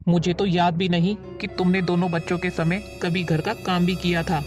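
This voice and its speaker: A woman's voice: lowish voice, little pitch movement, normal speed, a little mellow, soft background music, close to an everyday voice. A woman playing an older father-in-law who reasons patiently with his wife in a family drama. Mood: reasoning. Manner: patient, lecturing.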